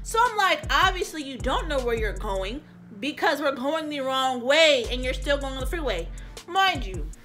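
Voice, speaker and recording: A young adult woman from California recounts a story straight to camera in a lively, slangy way, voicing each person she quotes. Her voice sits high and has a crisp, bright edge. Faint music plays quietly behind her. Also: moderate pace. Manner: animated, slangy, acts out quoted dialogue. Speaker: vlogger. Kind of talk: storytime vlog retelling.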